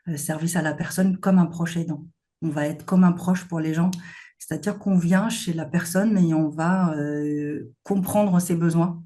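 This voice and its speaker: A woman's voice: sits low, warm tone. A woman founder answering interview questions earnestly, with many hesitations. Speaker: company founder, guest.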